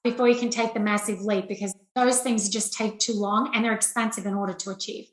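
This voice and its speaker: A middle-aged woman from rural Australia, an investment banking executive, answers interview questions candidly and plainly in an Australian accent. Her voice sits at medium pitch with fairly even intonation and a brisk pace. The recording sounds roomy and echoey.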